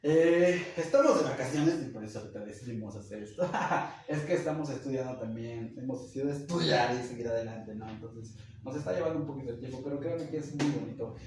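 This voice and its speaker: A young man with a Mexican Spanish accent, a native Nahuatl speaker, giving a casual language lesson and slowly repeating words for learners. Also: mid-range voice, darkish tone, a little hiss or hum. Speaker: language teacher. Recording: echoey room, heard from a distance.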